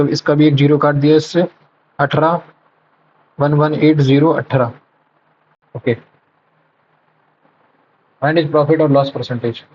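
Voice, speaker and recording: A man with a somewhat high, slightly mellow voice is tutoring for exams and working through a live mock test. He thinks aloud as he solves math problems, muttering numbers, correcting himself, and slipping in English terms. The recording sounds dull and lo-fi.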